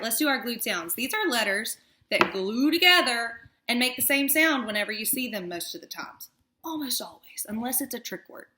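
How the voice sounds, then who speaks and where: A young woman teaching phonics to first graders, slowly sounding out letters and words and praising the class. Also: fairly high pitch, pushed and bright. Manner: encouraging praise. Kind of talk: phonics lesson for young children.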